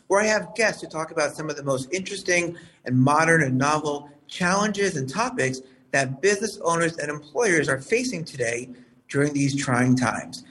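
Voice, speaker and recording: A man hosting a live talk show, heard over a phone, speaking in a formal, measured way with some fillers. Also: a little high, fairly bright tone, recorded from a distance, a little hiss or hum, low-quality recording.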